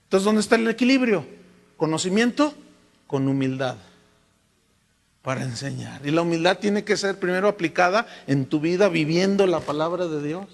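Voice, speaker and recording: High-voiced Mexican pastor preaching in a hall. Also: male voice, moderate pace, gravelly. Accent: Mexican Spanish. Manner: lively preaching, rhetorical questions to the congregation. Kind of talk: sermon. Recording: long reverb from a large hall.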